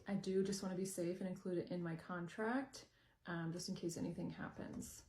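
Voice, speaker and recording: A woman's voice: lowish voice, fairly even intonation, fairly quick, a little mellow, a little hiss or hum. A woman acting in a comedy skit, firm and assertive, recorded in an echoey room. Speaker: teacher and comedy skit creator.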